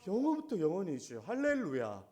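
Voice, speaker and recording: A middle-aged male pastor preaching a sermon, asking the congregation questions and swinging between loud exhortation and quiet asides. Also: high voice, huge pitch swings, a little fast.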